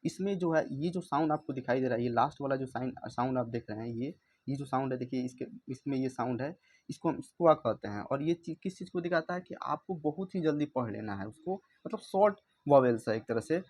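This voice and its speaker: A man with an Indian accent, teaching from an English vocabulary book, reading lines slowly and then explaining them, repeating words aloud to drill pronunciation. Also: mid-range voice, lively intonation, darkish tone.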